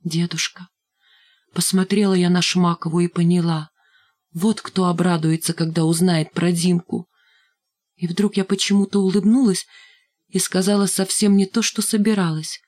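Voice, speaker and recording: Woman reading a story, somewhat low voice. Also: fairly even intonation, moderate pace, a little mellow. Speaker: audiobook reader. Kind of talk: scripted narration.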